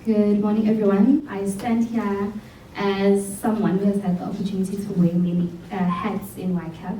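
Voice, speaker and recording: A young South African woman, a program alumna, speaks earnestly at a showcase in an event hall about what she learned, sometimes restarting her sentences. Her warm, mid-range voice has little pitch movement and runs at a normal speed. The recording is roomy and distant, with a faint hum.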